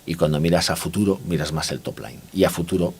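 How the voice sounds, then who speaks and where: A man from Barcelona, an expert on consumer markets, talks fast as an interview guest, his low voice a little mellow against slight background noise. Speaking with a Spain Spanish accent, he explains his views reflectively and keeps checking that you agree.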